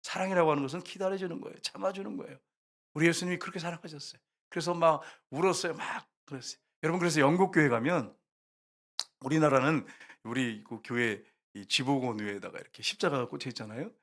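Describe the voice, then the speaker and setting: Male pastor, fairly high voice, animated sermon with acted-out voices, speaks straight to the congregation. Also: fast. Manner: lively storytelling, acts out voices and rooster crows; often addresses the congregation directly.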